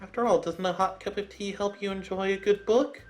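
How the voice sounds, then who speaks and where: Timid bookish teen girl, man in soft falsetto, hesitant. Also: fairly even intonation, a little fast, faint music behind, close to an everyday voice. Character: shy bookish teenage girl.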